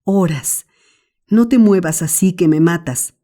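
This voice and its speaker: A woman's voice: lowish voice, unhurried, warm tone, pitched above the performer's own voice, close to an everyday voice. A woman voicing a mischievous boy who whimpers and pleads theatrically, in an audiobook. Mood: whimpering. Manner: whimpering, melodramatic. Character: mischievous boy faking illness.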